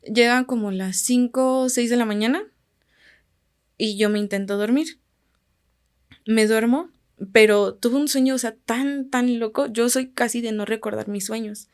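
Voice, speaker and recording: A woman from Guerrero with a Mexican Spanish accent, a podcast guest telling a personal story in a calm, casual way that often fades quietly at the end of phrases. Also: on the high side, measured pace.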